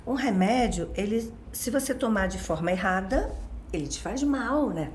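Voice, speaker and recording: A woman's voice: mid-range voice, expressive, moderate pace, roomy sound, slight background noise. A woman with a Rio de Janeiro accent, a guest expert explaining things in casual chat with everyday examples and constant tag questions. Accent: Rio de Janeiro Portuguese. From Brazil, born in Minas Gerais.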